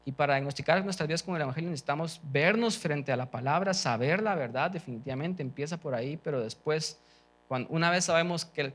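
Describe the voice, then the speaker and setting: A young man preaching a sermon, talking to the congregation conversationally with frequent check-ins and restarts. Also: medium pitch. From Guatemala.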